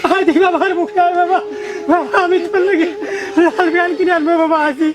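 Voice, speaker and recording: Woman acting as a tender rural parent, high voice, quick coaxing talk, endless endearments. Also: fairly even intonation. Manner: coaxing, repeats endearments over and over. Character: tender rural parent soothing a crying son. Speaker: actor. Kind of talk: amateur village drama acting.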